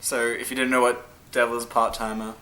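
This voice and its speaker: A man co-hosting a casual anime discussion, playful and quick to laugh, tripping over long titles. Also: mid-range voice, little pitch movement, crowd noise, low-quality recording. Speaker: co-host of an anime discussion channel. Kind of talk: casual chat.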